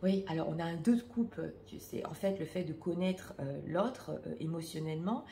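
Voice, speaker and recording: A woman's voice: sits low, animated, moderate pace, dark tone, reverberant, a little hiss or hum. A French-speaking woman reading tarot cards for her viewers in a casual, hesitant way, full of fillers and restarts. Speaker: tarot reader.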